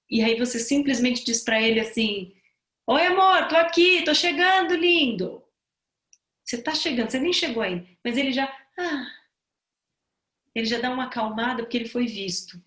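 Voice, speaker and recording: Gentle woman teaching in an echoey room. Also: mid-range voice. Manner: gentle, reflective, explaining slowly. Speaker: seminar tutor. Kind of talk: teaching a seminar.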